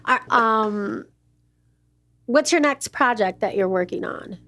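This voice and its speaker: A woman's voice: on the high side, lively intonation, takes it slowly, a bit bright. A woman co-hosting an interview who asks friendly questions with plenty of hesitations. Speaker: interview co-host. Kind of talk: casual interview chat.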